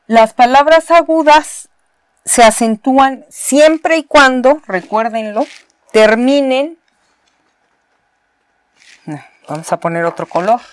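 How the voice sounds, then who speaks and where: Recorded at a board, this university spelling lesson is led by a Mexican woman whose clean-toned voice sits high. She goes step by step with patience, repeating the key words.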